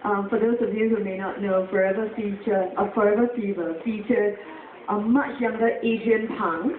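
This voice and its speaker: A woman hosting a public talk, lively and prompting the guest with questions. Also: mid-range voice, moderate pace, noisy background. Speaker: event host. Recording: tinny, echoey, from far off.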